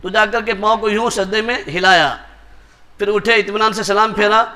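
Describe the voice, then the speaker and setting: A man's voice: high voice, fairly even intonation, sharp tone. A man with an Indian Urdu accent giving a sermon, as a mufti preacher who keeps asking rhetorical questions and tagging lines with short checks to his listeners. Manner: rhetorical questions, repeated tag questions.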